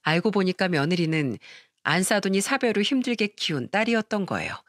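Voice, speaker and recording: A woman storyteller reading a scripted first-person story in a calm, steady, confiding manner. Her voice sits at a middle pitch, recorded close and dry. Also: brisk, no room sound.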